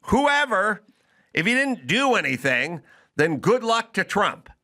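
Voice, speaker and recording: A middle-aged man with a bright, forceful voice pitched a little high holds forth on a podcast. He argues in a comedic rant and plays out both sides of imagined back-and-forths. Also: sing-song, a little slow. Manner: argumentative, acts out both sides of imagined exchanges. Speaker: podcast host.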